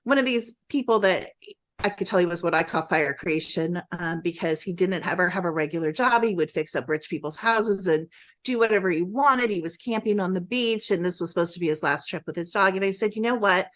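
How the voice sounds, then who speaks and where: A woman's voice: fairly low pitch, brisk, fairly bright tone. Effusive, rambling middle-aged woman. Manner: effusive, gushing, rambling storyteller. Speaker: podcast guest. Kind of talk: casual conversation.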